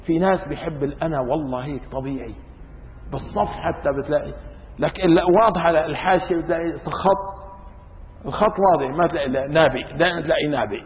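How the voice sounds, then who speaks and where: A man's voice: fairly high pitch, fast, a little hiss or hum. A man teaching an informal religious law lesson, colloquial and teasing with his students. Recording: lo-fi phone-like recording in a reverberant room.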